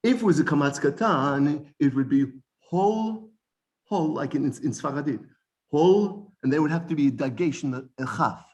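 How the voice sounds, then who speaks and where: A man teaching an informal Bible study lesson, animated, often repeating words and restarting sentences. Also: a little high, normal speed.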